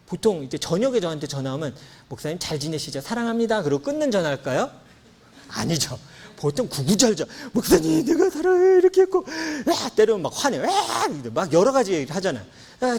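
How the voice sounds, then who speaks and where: Korean pastor in his thirties, husky, animated delivery; sermon that swings from loud to hushed. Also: mid-range voice. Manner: emotional storytelling, acts out dialogue, swings from loud to hushed.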